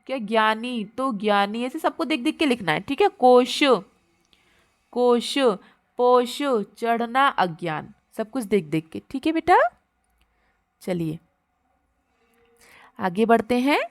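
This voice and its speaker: A woman teacher guides young children through a workbook. She speaks slowly in a somewhat high voice and repeats each word with patience. The sound is close and dry, with no room echo. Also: animated.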